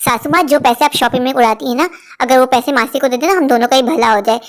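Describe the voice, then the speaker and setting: Woman voicing a sharp-tongued daughter-in-law. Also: high-pitched, quick pace, lightly acted. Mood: retorting. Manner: mocking, retorting. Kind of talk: Hindi cartoon voice acting.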